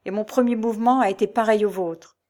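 Woman reader as earnest captain, measured, persuasive, storybook. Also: mid-range voice, fairly even intonation, dark tone, close to an everyday voice. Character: man, earnest steady captain.

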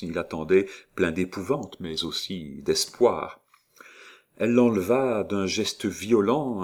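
A man narrating a classic novel in a measured, expressive storytelling manner. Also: deep voice. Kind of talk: audiobook reading of a classic novel.

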